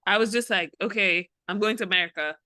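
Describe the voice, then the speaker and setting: A young woman from Ghana, an interview guest who talks openly and tells her story with lively quoted asides. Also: mid-range voice, quick pace, no room sound. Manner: open, storytelling, animated quoting. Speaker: interview guest, creative director. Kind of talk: casual interview chat.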